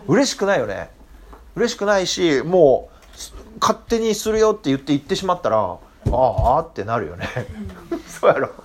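Youth teacher, a man with an animated, swinging voice, chatty and full of questions to the group. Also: sits high, normal speed, a little hiss or hum. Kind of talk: interactive Bible talk to young listeners.

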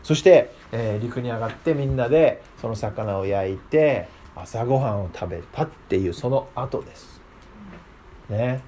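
This Bible class teacher's lesson is casual and interactive, and he animatedly quizzes his listeners throughout. He speaks at a moderate pace with a medium pitch, against slight background noise.

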